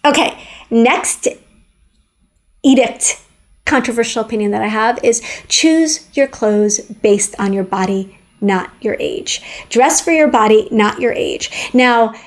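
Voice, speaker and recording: A woman's voice: a little high, takes it slowly. A woman in her forties giving frank, chatty style advice in a vlog, repeating words when she stresses a point. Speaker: fashion vlogger. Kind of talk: opinionated style advice to camera.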